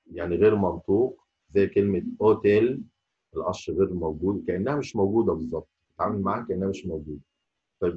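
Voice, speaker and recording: A man with an Egyptian Arabic accent teaching a French lesson, saying each letter slowly and repeating it. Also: deep voice, slightly rough, phone-quality sound. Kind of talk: spoken language lesson.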